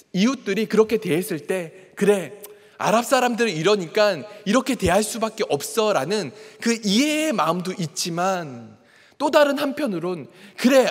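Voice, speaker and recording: A man preaching a sermon as a pastor, telling a personal story and acting out the quoted dialogue. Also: high voice. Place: large church sanctuary. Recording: long church hall reverb.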